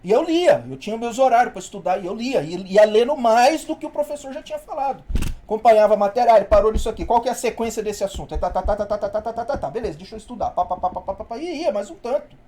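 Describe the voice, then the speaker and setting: A man's voice: high voice, quick pace. A male university professor telling a classroom story in casual, slangy speech, acting out what people said. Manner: slangy, animated storytelling with acted-out quotes. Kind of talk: casual anecdote told in class.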